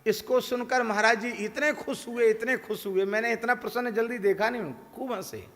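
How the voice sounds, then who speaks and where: A man's voice: very high voice, moderate pace, a bit bright, in a large hall. A man giving a devotional discourse, telling stories and mimicking village characters in their voices. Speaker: spiritual teacher.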